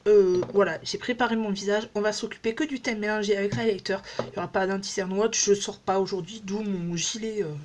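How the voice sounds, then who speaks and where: A woman's voice: medium pitch, steady tone, fairly quick, a little mellow, slight background noise. A woman beauty vlogger chatting casually at home through a makeup demo, rambling and joking at herself with many fillers.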